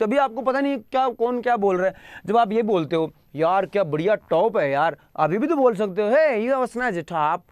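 A man with a very high voice and an Indian English accent teaches vocabulary online in a dry recording, blending Hindi with English. He spells words out letter by letter, drills pronunciation slowly, and speaks directly to students, having them repeat after him.

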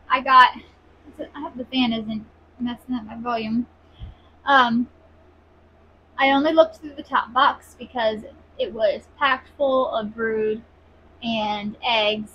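Woman, thirties, high pitch, informal rambling vlog chat, muffled lo-fi sound. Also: slight background noise. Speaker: beekeeper and farm vlogger. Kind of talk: casual chat to camera. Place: small cluttered indoor workroom.

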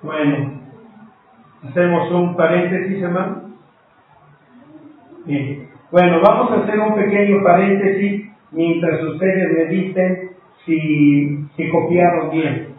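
A man leads a Bible class at a very unhurried pace, spelling out each word letter by letter for his listeners. His voice sits a bit high for a man. It comes from well away from the mic, in a strongly echoing room, through a narrow, phone-like sound. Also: steady tone, far from the mic. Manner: slow and deliberate, spelling words out letter by letter; patient, addresses listeners as brothers. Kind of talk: live-streamed Bible class.

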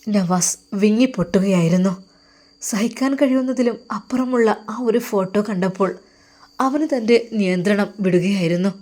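A woman's voice: medium pitch, moderate pace, mellow. A woman narrating an emotional religious family story in a sorrowful, dramatic manner.

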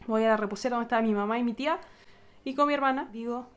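A woman's voice: fairly high pitch, rapid-fire. A young woman with a Chilean accent, animatedly telling her followers a story in a casual vlog, adding sound effects and acting out what people said. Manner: animated retelling with sound effects and acted-out quotes. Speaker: vlogger.

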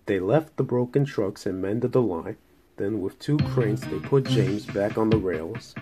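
A man narrating a children's railway story in a measured, steady reading. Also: fairly low pitch, over music.

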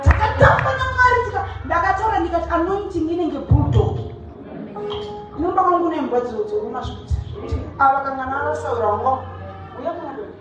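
A woman evangelist with a Zimbabwean accent, preaching a forceful sermon into a pulpit microphone. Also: high voice, animated, quick pace. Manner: forceful preaching, switching between Shona and English. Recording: echoey church hall, distant mic, loud music behind.

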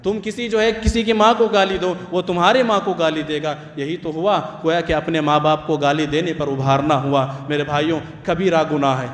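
A man preaching a fervent sermon in a mosque, repeating phrases for emphasis. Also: fairly high pitch. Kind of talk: Friday sermon. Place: large mosque. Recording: echoey mosque hall with long reverb.

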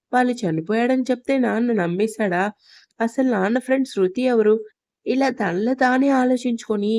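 A woman's voice: a little high, gravelly, dark tone, no room sound. A woman reading a love story aloud as scripted narration, voicing every character in her own voice.

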